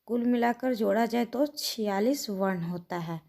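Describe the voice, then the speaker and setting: A woman's voice: a little high, vocal fry, mellow, a little hiss or hum. A woman teaching young children in an online lesson, patiently spelling out letters one by one. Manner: slow, patient, recites letters aloud one by one.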